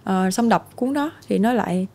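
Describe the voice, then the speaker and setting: A woman's voice: mid-range voice, normal speed, mellow. A young woman, a podcast guest talking candidly and laughing easily in casual chat.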